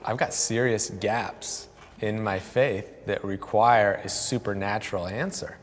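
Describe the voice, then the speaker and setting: A man in his forties who is a pastor talks openly on a discussion panel and makes fun of himself as he tells stories. His voice sits somewhat low. The sound has a long reverb from a large room. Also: fairly even intonation, unhurried. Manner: candid, self-deprecating storyteller.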